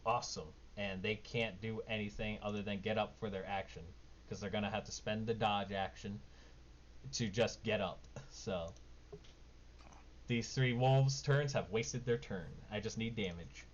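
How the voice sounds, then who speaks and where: Lower-pitched man running a tabletop game. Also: steady tone, normal speed. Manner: informal, swears casually. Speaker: game master. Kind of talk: casual tabletop game narration. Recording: dull lo-fi mic, background noise.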